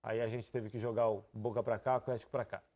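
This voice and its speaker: A man presenting a TV sports analysis in a studio, explaining lively and pointing at graphics. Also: medium pitch, fast talker.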